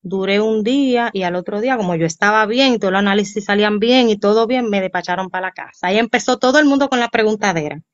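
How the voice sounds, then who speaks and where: A woman in her forties recounts her life as a guest in a casual conversation, bringing in quoted voices with lively changes. Her voice sits at an ordinary pitch, with a dry, close sound that is a bit dull and muffled. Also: quick pace, hardly any pauses, dry recording. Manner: animated, acts out quoted voices. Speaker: interview guest. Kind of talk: storytelling in casual chat.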